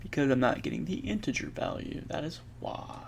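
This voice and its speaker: A man thinking aloud while he codes, halting and correcting himself, with many fillers. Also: on the high side, expressive, in a whisper, lo-fi sound, over music. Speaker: programmer streaming his coding practice. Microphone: earbuds mic.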